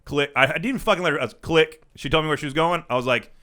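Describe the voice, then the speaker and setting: A man's voice: on the high side, racing, pushed and bright. A man in his thirties co-hosting a casual group chat, rambling and emphatic, swearing freely as he tells stories and gives advice. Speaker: podcast co-host.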